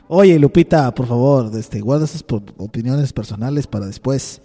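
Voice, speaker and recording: Mellow-voiced radio host. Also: male voice, mid-range voice, animated. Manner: stern, scolding, quick interruptions. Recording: reverberant studio.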